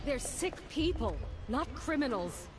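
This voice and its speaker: A woman's voice: high voice, very animated, a little slow. An actress playing a dignified, caring empress and devoted mother in a video game. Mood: firm.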